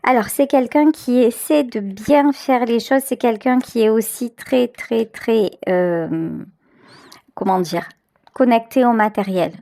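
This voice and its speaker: Fairly high-pitched, slow and warm, a tarot channel host improvises an intuitive reading aimed at the viewer. She talks conversationally, feeling her way through her words with emphatic repetition.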